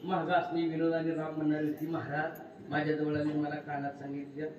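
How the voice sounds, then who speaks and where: A man with a rural Marathi accent preaching a kirtan sermon, telling humorous stories and breaking into sudden loud exclamations. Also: fairly high pitch, completely flat delivery, brisk. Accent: Marathi rural Maharashtra. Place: large pavilion at a kirtan gathering. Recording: far-off echoey hall mic, slightly dull, noisy.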